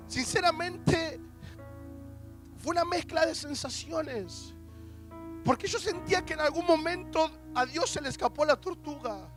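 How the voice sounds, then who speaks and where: A young man, preaching a sermon as an emotional personal testimony with quoted dialogue. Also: very high voice.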